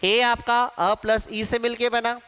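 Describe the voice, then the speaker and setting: A man's voice: very high voice, flat delivery, a little slow, sharp tone, clean tone. A man teaching Hindi grammar in an exam-prep lecture, explaining step by step and answering his own questions. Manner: explains step by step, asks questions then answers them himself. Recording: echoey hall reverb.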